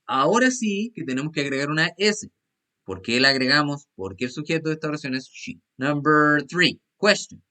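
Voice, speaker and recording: A man's voice: fairly high pitch, lively intonation, normal speed, bright, forceful tone. A male English teacher, explaining grammar rules step by step and often checking in with "¿ya?". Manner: checks in with "¿ya?" after each point. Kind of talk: online class explanation in Spanish.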